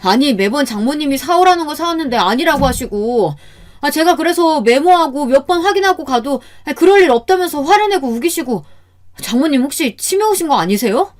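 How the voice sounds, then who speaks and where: A woman's voice: fairly high pitch, lively intonation, fairly quick, darkish tone, voice pushed up. A woman doing an exasperated son-in-law. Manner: complaining, keeps sighing "ah" before lines. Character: exasperated middle-aged son-in-law, pleading and frustrated.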